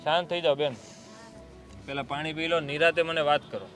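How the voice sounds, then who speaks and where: Gentle coaxing social worker. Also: male voice, a little high, little pitch movement, a little fast, soft background music. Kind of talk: calm persuasion and explanation. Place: outdoors by a road. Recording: outdoor traffic noise.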